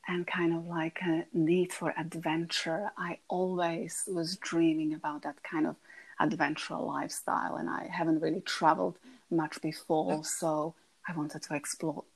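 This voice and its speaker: A woman in her thirties from Slovakia with a Slovak accent, soft-spoken and hesitant as a podcast guest. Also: low voice, flat delivery, measured pace, creaky, husky. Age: 30s. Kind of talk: conversational interview.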